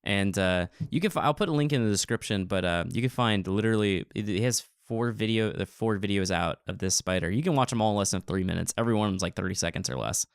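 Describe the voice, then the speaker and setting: A man co-hosting a podcast in casual chat, excitable and playfully teasing. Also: fairly low pitch, quick pace, few pauses, smooth, dry recording, studio quality. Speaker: podcast co-host.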